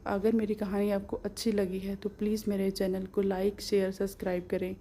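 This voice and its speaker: A woman tells a story in a calm, steady reading voice. Her pitch barely moves, her tone is mellow, and a faint noise sits under it. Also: moderate pace, creaky. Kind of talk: storytelling narration.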